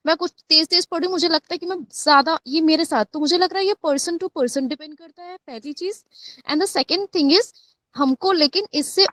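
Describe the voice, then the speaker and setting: A woman's voice: very high-pitched, moderate pace, a bit bright, dry recording. A woman taking part in an online class, sharing her points at length and switching between Hindi and English. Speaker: participant.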